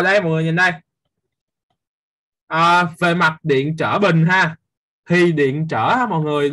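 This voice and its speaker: Husky, lively teacher. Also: male voice, fairly high pitch. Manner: lively, quizzing students by name, teasing. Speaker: physics teacher. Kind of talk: live online class quiz review.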